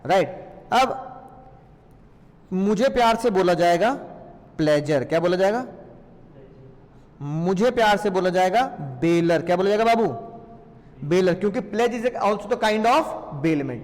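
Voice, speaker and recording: A man teaching a lively class in a playful way, often asking questions and answering them himself. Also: high voice, slow, long pauses, long reverb tail. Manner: playful, asks and answers his own questions.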